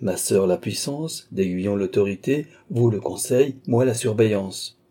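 Man doing a boastful viscount, eager, scheming, dark, husky. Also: lowish voice, measured pace.

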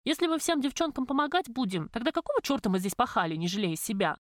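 Brief: fiery bitter young waitress, high and loud, as a woman reads her. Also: sing-song, quick pace, no room sound, studio quality. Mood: indignant. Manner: indignant, raised voice.

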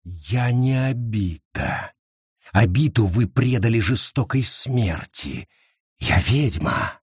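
A man reading an audiobook and voicing a vengeful woman witch who speaks slowly and menacingly with a hiss. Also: fairly low pitch, lively intonation, husky, dry recording, clean studio sound, full character voice. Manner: slow, hissing, menacing.

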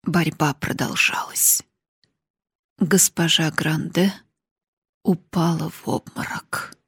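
A woman reads a classic novel aloud in a slow, measured, dramatic way. Her voice is husky and the recording is dry, with no room around it. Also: deep voice, steady tone, a bit bright, no room sound. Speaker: audiobook reader. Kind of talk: audiobook narration of a classic novel.

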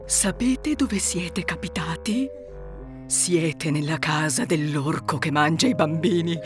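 A woman voicing the ogre's timid, kindly wife in a storybook reading, soft and coaxing. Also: low-pitched, slow pace, music in the background. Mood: warning.

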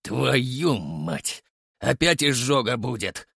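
A man voicing a gruff, lecherous sergeant-major who grumbles and swears in a coarse, sly way in an audiobook. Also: medium pitch, big pitch swings, takes it slowly, fairly bright tone, no room sound, studio quality, exaggerated voice. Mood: grumbling.

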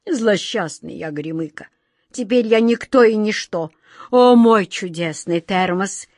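A woman's voice: medium pitch, a little slow, a little mellow, dry recording, clean studio sound. A woman voicing an ancient, homeless jinn lamenting his fate in a graveyard mutter. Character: ancient, lost, mournful male jinn.

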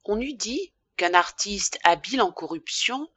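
A woman narrating a classic novel for an audiobook in an expressive, measured reading. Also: mid-range voice, slightly rough, no room sound.

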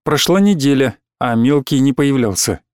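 A man narrating an audiobook with a calm, measured reading. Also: mid-range voice, dry recording, studio quality.

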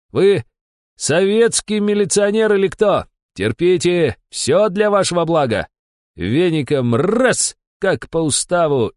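A man's voice: fairly high pitch, no room sound, studio quality, pitched above the performer's own voice. A man doing a bossy barking devil. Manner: brisk, barking commands. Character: bossy male devil posing as a bathhouse zealot.

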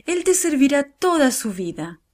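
A woman's voice: sits high, sing-song, normal speed, a little mellow, voice pushed up. A woman voicing a hopeful, tearful young wife who prays and pleads with emotion. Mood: pleading prayer.

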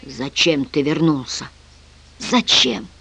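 A narrator voicing a deranged, hoarse middle-aged man who pants and mutters fanatically in an audiobook. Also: mid-range voice, very animated, moderate pace, a bit bright, slight background noise. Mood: despairing. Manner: panting, muttering.

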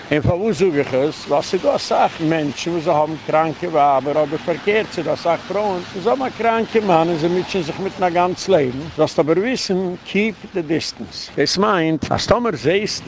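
A man's voice: a little high, gravelly, darkish tone, slight background noise. A man speaking as a rabbi in an informal community lecture, rambling and anecdotal, dropping English phrases into his speech.

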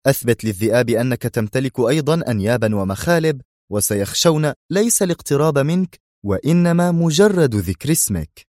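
A cool-headed male commander with a low, dry voice, as a narrator puts him on. He speaks firmly and in clipped phrases, and every line sounds certain. There is no room sound around him. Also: lively intonation, fairly quick, darkish tone, no echo, lightly acted. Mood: stern.

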